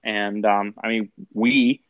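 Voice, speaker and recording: A man in his forties talking in a group call, halting with many ums and restarts. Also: on the low side, fairly even intonation, no room sound, phone-quality sound. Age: 40s. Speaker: caller. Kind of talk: casual group call chat. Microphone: phone.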